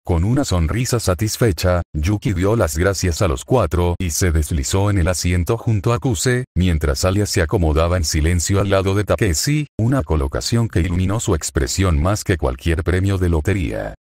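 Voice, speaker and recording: Deep-voiced man narrating a story. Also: lively intonation, moderate pace, few pauses, darkish tone, no echo, studio quality. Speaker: fanfic narrator. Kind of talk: scripted narration.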